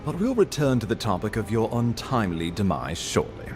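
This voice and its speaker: An actor playing an earnest, courteous imperial ambassador in a video game, speaking in a formal, eloquent and measured manner. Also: male voice, on the low side, very animated, a little mellow, soft background music. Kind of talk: dramatic video game dialogue.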